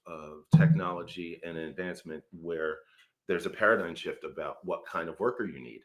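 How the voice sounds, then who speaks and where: A man's voice: low voice, steady tone, normal speed. A man co-hosting a casual local morning radio show, trading wry jokes and making earnest appeals to listeners. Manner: wry, joking asides, earnest civic appeals.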